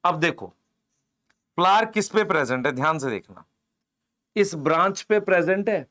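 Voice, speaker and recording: A man's voice: fairly high pitch, expressive, normal speed, fairly bright tone. A man teaching a biology lesson for exam preparation, asking the class questions and answering them himself while drawing on a board. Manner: explains while drawing on a board, points with "idhar dekho". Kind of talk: online exam-prep lecture, Hindi mixed with English terms.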